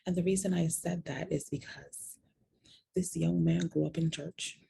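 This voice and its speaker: A woman's voice: low voice, steady tone, a little slow, vocal fry, warm tone, slightly rough. A woman candidly recounting a personal story, reflective and self-mocking.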